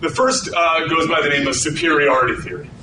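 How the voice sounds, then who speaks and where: A middle-aged male researcher gives a conversational lecture to an audience in a hall, often restarting his sentences. His voice is bright and pushed, steady in tone and fairly quick. The hall is echoey, the mic distant, and a rumbling noise runs underneath.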